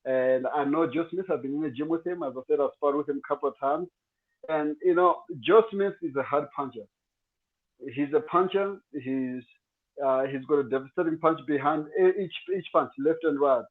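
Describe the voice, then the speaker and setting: Man on a glitchy video call, tinny phone-like sound, halting speech, fairly high voice. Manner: halting, repeats words. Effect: bad video call connection, cutting in and out. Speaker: boxer guest. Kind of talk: remote interview.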